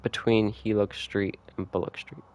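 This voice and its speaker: Man, streamer, casual gaming chat, laid-back, laughs a lot, slightly low voice. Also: moderate pace. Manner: relaxed, chatty, laughs often, reads notes aloud.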